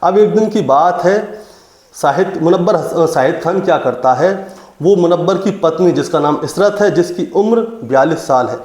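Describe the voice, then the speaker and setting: A man's voice: on the high side, expressive, normal speed, darkish tone. A man narrating a true crime story to his audience, calling them friends and retelling it step by step. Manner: addresses listeners as friends, dramatic retelling. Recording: roomy echo.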